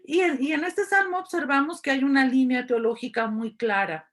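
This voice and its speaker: A middle-aged woman lecturing on scripture, explaining slowly and deliberately over presentation slides. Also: high voice. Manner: slow, deliberate, thoughtful explanation. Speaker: biblical studies lecturer.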